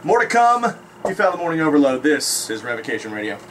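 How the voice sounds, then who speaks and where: A man hosting a live radio show, giving energetic play-by-play commentary in a crowded studio. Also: a little high, fast talker, noisy background. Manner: energetic, excitable narration.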